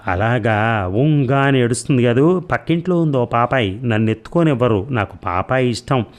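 A man's voice: mid-range voice, expressive, normal speed, natural voice. A man voicing a childlike young woman who talks in a whiny, demanding way in a storybook. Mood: playful.

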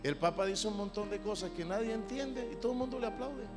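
A man preaching a sermon, theatrical, swinging from shouts to mocking asides. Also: sits high, fast. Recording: long hall reverb with loud music. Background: music.

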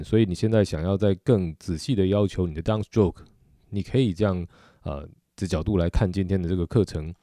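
A man's voice: fairly low pitch, warm tone, no room sound, studio quality. A middle-aged man with a Taiwanese Mandarin accent, explaining drumming technique patiently in a video lesson, with frequent filler particles. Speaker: drum teacher.

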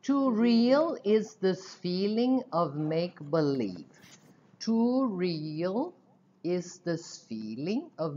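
Lively, low-voiced woman teaching. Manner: drills lyric lines slowly, then explains them in Portuguese. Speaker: English teacher. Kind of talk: song-based language lesson. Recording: dull lo-fi recording.

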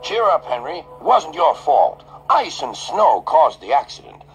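A brisk, fatherly railway boss with a reassuring, lively voice, as a male storyteller puts him on. Soft music runs behind the storybook reading. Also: fairly high pitch, pitched above the performer's own voice, rough recording. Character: kindly, brisk railway boss, middle-aged man.

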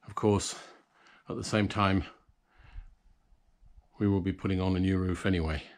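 A middle-aged man filming a casual video diary on his farm. He explains each step, pausing and correcting his own words. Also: low voice, little pitch movement, no echo. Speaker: farm restorer vlogging his progress. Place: old stone barn and farmland, outdoors. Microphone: phone camera at arm's length.

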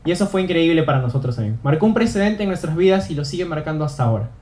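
A man's voice: a little high, expressive, rapid-fire, darkish tone. A young man giving an earnest motivational talk on stage, repeating phrases for emphasis. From Peru. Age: young adult. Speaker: student speaker. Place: auditorium stage.

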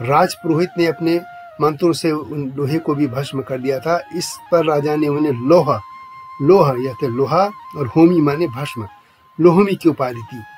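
A male journalist giving a scripted documentary narration, reading out long lists of names and places in a measured way. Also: fairly high pitch. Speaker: journalist narrating a channel's history series.

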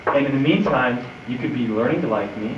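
A young man playing an earnest, bashful suitor in a stage play, courteous, hesitant and gently pleading. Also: medium pitch, lively intonation, brisk, lightly acted. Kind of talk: live stage play acting. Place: theatre in the round, far camera. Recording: muffled, noisy camcorder, echoey theatre, distant.

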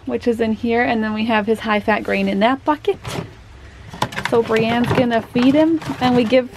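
A woman's voice: fairly high pitch, fairly even intonation, normal speed, background noise. A woman giving a chatty, explanatory barn tour on a handheld camera, laughing often as she walks through a horse barn and paddock. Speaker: vlogger. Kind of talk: casual barn tour narration.

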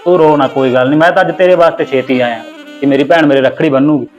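Guy doing sweet big brother, quick comforting talk. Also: on the high side, highs cut off, music in the background, natural voice. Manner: warm, comforting. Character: kind loving young brother, working man.

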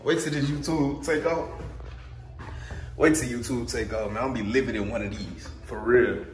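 This young adult man keeps a steady tone and normal speed as he vlogs in an upbeat, emphatic, slangy style. The sound comes from a phone or action camera at arm's length and is noisy, with rumble underneath.

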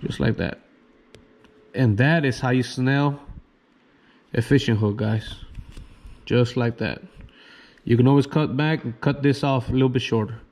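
A man, hosting a fishing channel and calmly talking through how to tie knots step by step. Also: medium pitch. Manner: laid-back, slow, step-by-step instructions. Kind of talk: casual how-to demonstration.

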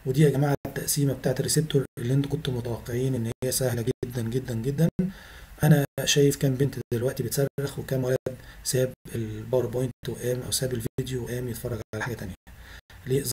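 Rapid-fire Egyptian man lecturing. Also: mid-range voice, mellow, slight background noise. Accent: Egyptian Arabic. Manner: rapid, repetitive explaining with frequent "تمام؟" checks. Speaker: medical lecturer. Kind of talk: recorded university lecture.

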